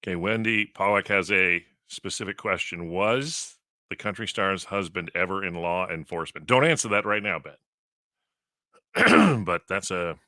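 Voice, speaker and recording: A man with a low, deep voice that still rings bright and forward. He chats and spins stories on morning radio with an easy laugh, and the sound is close and dry. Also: dry recording. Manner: chatty storyteller, laughs often. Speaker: radio show co-host. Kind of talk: casual morning radio banter.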